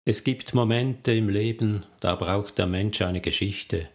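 A man's voice: lowish voice, a little slow, natural voice. A man voicing a tough, determined female police detective in an audiobook. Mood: firm.

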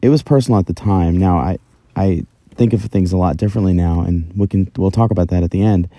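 Speaking fast in a low, warm voice, a middle-aged man talks through his own story on a solo podcast. He records inside a closet, so the sound is very dry, close, and echo-free, and his tone is relaxed, conversational, and self-deprecating.

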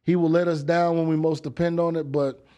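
A man's voice: on the high side, little pitch movement, brisk, dark tone. A man co-hosting a sports talk show, joking and slangy in casual banter. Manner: joking, laughs often, slangy. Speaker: sports podcast co-host.

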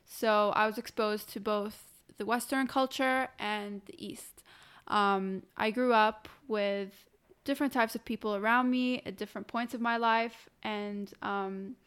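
A woman's voice: medium pitch, steady tone, measured pace, a bit bright, clear, resonant tone. A woman from Iraq and Oman, co-hosting a casual podcast chat in a playful, teasing way. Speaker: podcast co-host.

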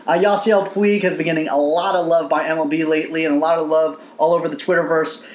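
A man co-hosting a podcast in casual sports chat, animated and profane, laughing often. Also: fairly high pitch, quick pace, roomy sound. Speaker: podcast co-host.

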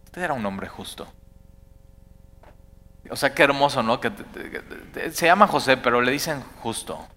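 Animated preacher in a reverberant hall. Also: male voice, medium pitch, moderate pace, long pauses. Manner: animated, rising to emphatic bursts then dropping to quiet asides. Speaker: pastor. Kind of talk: sermon.

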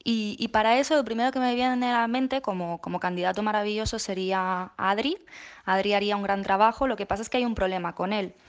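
A woman guest giving a playful, rambling, deadpan comic answer. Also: mid-range voice, fast talker. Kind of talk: recorded comedic answer.

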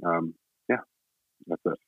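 Man, podcast host, deep voice, candid panel chat, dry tinny phone sound. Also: slow pace, slightly rough, no room sound. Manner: candid, reflective, with filler words.

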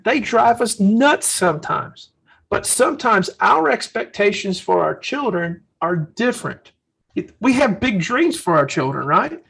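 A man with a high-pitched, gravelly voice talks earnestly about parenting in a casual faith-based chat. He tells stories from his own life and acts out the lines of the people in them. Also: a bit bright, poor audio. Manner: earnest, storytelling, acts out quotes. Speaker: podcast co-host.

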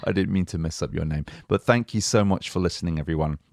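Talking quickly with a low, slightly mellow voice and some vocal fry, this podcast host keeps his language-learning show light and casual. He's cheerful, chatty and laughs a lot, and the studio-quality recording has no echo.

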